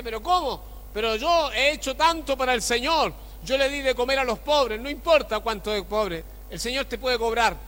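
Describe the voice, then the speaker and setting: A man's voice: extremely high pitch, pushed and bright. A male pastor preaching a sermon, checking in with the congregation through rhetorical questions. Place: church. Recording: church hall with long reverb.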